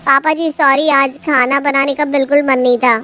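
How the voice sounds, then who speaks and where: A woman voicing a polite young daughter-in-law who keeps quiet but mutters her complaints. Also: sits high, steady tone, normal speed, soft background music. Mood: busy.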